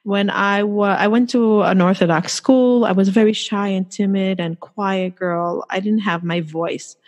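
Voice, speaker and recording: A woman's voice: mid-range voice, fairly even intonation, unhurried. A woman who grew up in Israel, a podcast guest eagerly telling her life story in a chatty way with frequent fillers. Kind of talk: casual interview chat.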